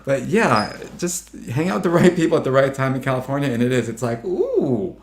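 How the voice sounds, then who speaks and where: A man chatting casually, spinning animated anecdotes and slipping into the voices of the people in them. He laughs often as he talks. His voice carries a roomy echo. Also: mid-range voice, fast talker, slight background noise. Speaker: actor guest. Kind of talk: casual storytelling chat.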